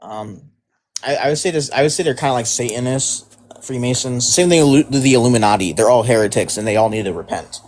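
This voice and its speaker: Here is a man with a voice at a middle pitch, chatting casually on a stream. He mostly agrees with the others and keeps his replies short. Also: a little fast, a little mellow. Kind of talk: casual chat.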